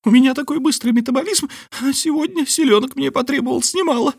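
A man voicing a small, frantic male bat who chatters in a squeaky, breathless, excitable way. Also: fast, no echo, studio quality. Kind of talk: audiobook character voice.

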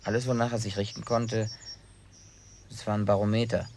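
A man's voice: fairly low pitch, level tone, moderate pace, a little mellow, slight background noise, lightly acted. An actor playing a stubborn, simple-hearted survivor in a radio play, telling his story in a colloquial, grumbling way with wry humor. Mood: wry, nostalgic. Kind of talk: German radio play dialogue.

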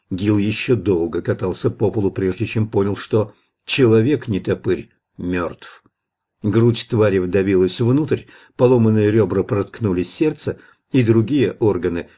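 A man reading a dark fantasy audiobook in measured, dramatic scripted narration. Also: on the low side, husky.

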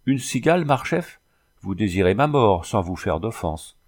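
Brief: a man playing a queasy, hangdog old cavalryman for a storybook, whining and deferential, voice raised above a very low natural pitch. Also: big pitch swings, normal speed. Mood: whiny. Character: seasick old soldier, whiny and deferential.

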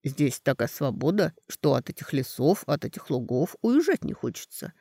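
Man voicing a calm stubborn young man, low quiet delivery, audiobook reading, dry recording. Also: moderate pace, vocal fry, breathy edge, no room sound, heavily acted. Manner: quiet, calm, softly firm. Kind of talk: audiobook character voice.

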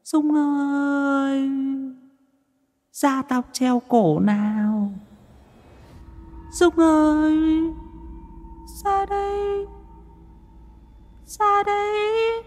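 A man voicing the vengeful ghost of a hanged young woman, hissing slow drawn-out calls in a horror audiobook. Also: very high voice, long reverb tail, pitched above the performer's own voice, heavily acted. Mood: eerie hissing.

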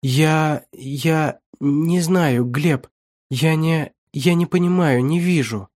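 A frightened young woman, voiced by a male narrator, stammers and chokes back tears in a raised voice. Her words come halting and shaken. Dry, close recording. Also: mid-range voice, darkish tone, dry recording, pitched above the performer's own voice, lightly acted. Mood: panicked. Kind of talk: audiobook reading.

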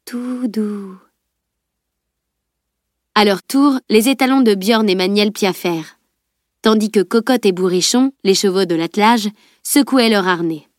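A woman narrating an audiobook novel with a steady, even reading. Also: mid-range voice, normal speed, no room sound, clean studio sound. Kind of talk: scripted narration.

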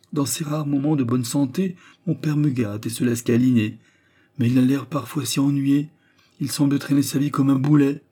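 A pleading, earnest young woman, voiced by a man reading a storybook aloud. She speaks up high and a little husky, her tone warm. Her words come urgent and sincere. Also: close to an everyday voice.

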